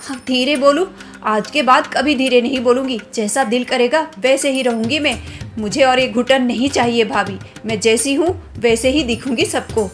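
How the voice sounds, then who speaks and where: A woman's voice: high voice, normal speed, soft background music, natural voice. Woman voicing a defiant young bride-to-be. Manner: indignant, outspoken.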